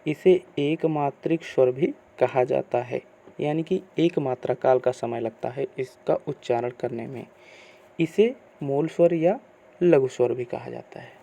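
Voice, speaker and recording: Man teaching a grammar lesson, gravelly. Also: mid-range voice, warm tone. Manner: asks questions then answers them; slow, repeated teacherly phrasing.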